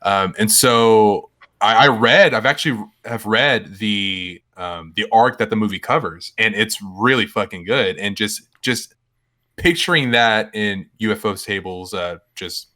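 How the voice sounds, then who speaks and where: Lower voiced dude on a podcast, kinda sharp tone, lots of ums. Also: male voice. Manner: halting, full of fillers. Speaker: podcast co-host. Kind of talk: casual chat.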